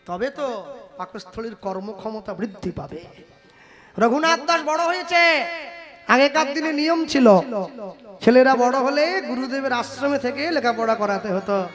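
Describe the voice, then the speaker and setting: High-voiced man preaching kirtan. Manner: joking storytelling, chuckling asides, rising to loud sung calls. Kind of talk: devotional kirtan sermon with singing. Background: devotional music.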